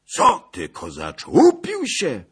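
A man reading an audiobook voices a fierce old noblewoman who shouts in a shrill voice. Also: very animated, moderate pace, breathy edge. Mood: shrill shouting.

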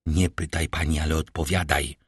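A man reading an audiobook, voicing a cold, stern prosecutor who accuses his wife in a slow, cutting manner. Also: extremely low pitch, level tone, slightly rough, no room sound, clean studio sound, voice pushed down. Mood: icy. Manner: icy, cutting, slow and menacing. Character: cold stern male prosecutor, middle-aged husband. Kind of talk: audiobook character voice.

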